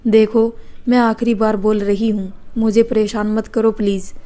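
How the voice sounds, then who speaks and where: A woman's voice: mid-range voice, flat delivery, moderate pace, dark tone, lightly acted. A woman voicing a young woman teacher who scolds in curt, annoyed words. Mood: irritated.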